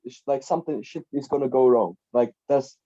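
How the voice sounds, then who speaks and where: A man's voice: mid-range voice, a little fast, warm tone. A young man from the Republic, a guest life coach, chatting casually in a podcast and rambling with many repeats and fillers. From Czech Republic. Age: young adult. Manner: rambling, repeats words, frequent "like" and "right?". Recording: dull lo-fi sound.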